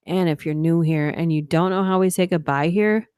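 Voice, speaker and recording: On a late-night live stream, a woman whose voice sits on the low side, clear and resonant, reads ghost stories aloud. She sounds worn and tired, pausing her steady reading for quick, laughing, chatty asides, and the recording is dry.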